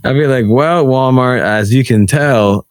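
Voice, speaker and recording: A man's voice: medium pitch, a little slow, no room sound, studio quality. A man in casual chat, telling work stories and acting out both sides of each exchange. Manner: animated storyteller, acts out both sides of conversations.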